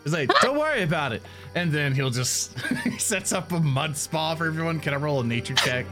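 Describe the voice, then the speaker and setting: A man chatting casually as a player in a tabletop game, stumbling and repeating himself as he hesitates. Music plays clearly behind his voice. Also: fairly high pitch, moderate pace, fairly bright tone.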